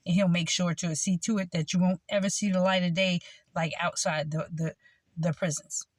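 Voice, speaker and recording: A woman's voice: fairly low pitch, fairly even intonation, normal speed, dry recording. A woman delivering a rambling religious monologue, meandering with frequent fillers and repeated words. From United States. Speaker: self-styled preacher.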